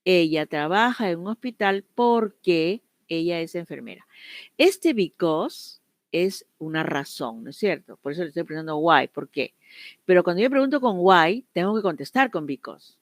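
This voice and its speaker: A woman's voice: fairly low pitch, lively intonation, normal speed, dry recording. Woman teaching an online English class. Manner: explains step by step, switching between Spanish and English examples.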